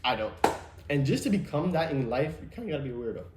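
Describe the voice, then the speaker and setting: A man's voice: medium pitch, sing-song, fast talker, background noise. A young man hosting a solo podcast, rambling casually with profanity and conspiratorial asides. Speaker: podcast host. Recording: roomy echo, faint ambience.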